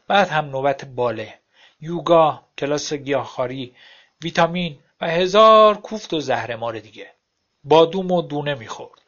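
A man's voice: fairly high pitch, fairly bright tone. A man narrating a story aloud in a wry, plain storytelling manner. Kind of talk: audiobook narration. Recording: dull lo-fi recording.

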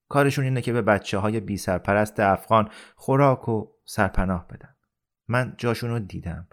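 A man voicing a calm, dying older man, pleading. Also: lowish voice, natural voice. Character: dying older man, gentle, persuasive family friend.

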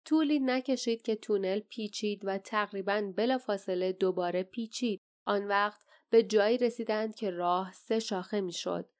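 A woman narrating an audiobook in a steady, dramatic storytelling manner. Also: medium pitch, hardly any pauses. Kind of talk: scripted narration.

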